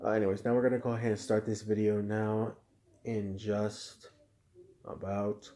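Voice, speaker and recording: A man's voice: lowish voice, flat delivery, moderate pace, mellow. A man talking casually to camera at home for a reaction video, rambling and restarting his sentences often. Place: at home indoors.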